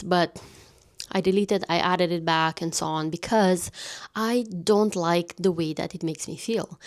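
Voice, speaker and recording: A woman in her thirties gently chatting about books on a thin stand mic, now and then dropping into a whisper. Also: on the low side. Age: 30s. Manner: gentle, intimate, dips into whispers. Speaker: channel host. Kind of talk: soft-spoken book chat.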